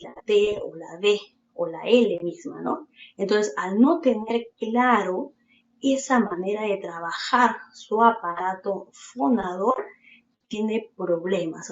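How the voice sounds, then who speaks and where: A woman with a Peruvian Spanish accent giving an explanatory lecture as a teacher, pausing often to check with "¿no?" and using fillers. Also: mid-range voice, a little mellow. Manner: explains slowly with many "¿no?" tags and fillers. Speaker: teacher presenting a class talk. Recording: echoey room, far from mic, dull lo-fi sound with faint noise.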